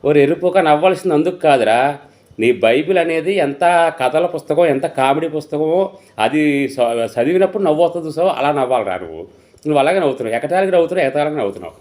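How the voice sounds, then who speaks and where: A man's voice: on the high side, expressive, fast talker, darkish tone. A man hosts a live online debate in a slightly raised voice. He mocks his targets without letup and trades in crude insults and sneers. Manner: abusive, sneering, full of insults. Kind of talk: mocking live-stream commentary.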